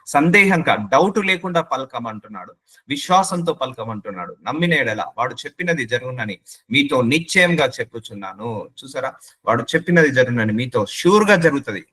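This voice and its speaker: A man's voice: mid-range voice, pushed and bright. A male pastor preaching a sermon in a Telugu accent, emphatic and repetitive, mixing in English words.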